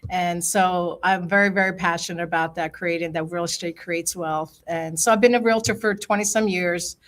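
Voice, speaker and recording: A woman's voice: on the low side, steady tone, moderate pace. An older woman from Italy, a realtor, telling her family story in a rambling, personal way during a casual group chat. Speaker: realtor and app founder.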